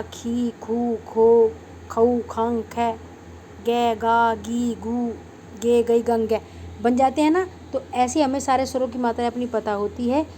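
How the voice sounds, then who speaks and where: A woman from India with a somewhat raised voice teaches an online Sanskrit class. She breaks words into syllables and says each one slowly and deliberately. A faint hum runs under her voice. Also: a little high, a little mellow. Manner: patient, drawn-out syllable-by-syllable pronunciation; addresses pupils as "beta".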